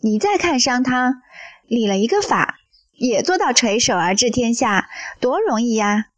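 A woman reading the lines of an eager, talkative young male disciple in an audio story, in an animated, exclaiming way. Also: a little high, measured pace, no room sound.

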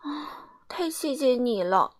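Panicky little man, shrill and loud, as a woman puts him on. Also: lively intonation, takes it slowly. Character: timid little man who calls himself brave.

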